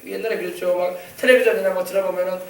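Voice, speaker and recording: A male pastor delivers a sermon, coaxing his congregation for responses and repeating key phrases for emphasis. His voice sits high for a man. The recording comes from far off the mic in an echoey church hall. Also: steady tone, racing. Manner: exhorting, prompting the congregation for amens. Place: church sanctuary.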